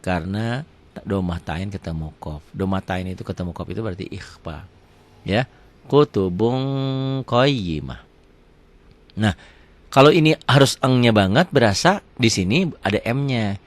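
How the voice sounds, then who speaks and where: A man teaching tajwid rules, patiently repeating words slowly and asking and answering his own questions. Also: on the low side. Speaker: Quran recitation teacher. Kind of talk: explaining tajwid rules to students.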